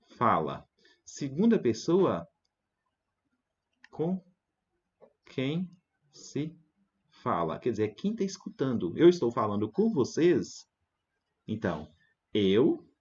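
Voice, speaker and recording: A man's voice: medium pitch, a little mellow, lo-fi sound. A man with a Brazilian Portuguese accent, a teacher patiently explaining grammar to schoolchildren, asking "né?" often. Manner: patient, repeats words slowly and asks "né?" often. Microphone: desk setup with digital pen tablet.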